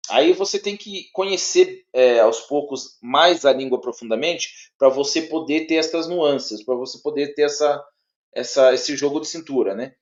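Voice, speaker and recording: A man with a Brazilian Portuguese accent teaching a one-on-one lesson. He talks haltingly, repeats words and checks in often. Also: medium pitch, a little mellow. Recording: dull lo-fi sound.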